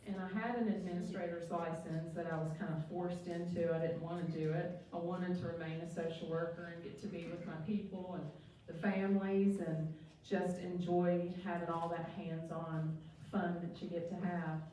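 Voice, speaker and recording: Middle-aged woman, Appalachian accent, lowish pitch, informal self-introduction at a meeting, heard in a very reverberant room. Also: little pitch movement, moderate pace, dark tone. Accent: Appalachian (West Virginia). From West Virginia. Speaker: nursing home administrator introducing herself. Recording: very echoey hall, distant mic, faint noise.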